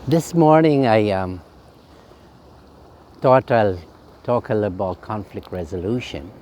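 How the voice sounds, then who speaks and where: A man, a swami, gives an unhurried, reflective spiritual talk outdoors by a fountain in the morning, pausing with frequent ums. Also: fairly low pitch, dark tone.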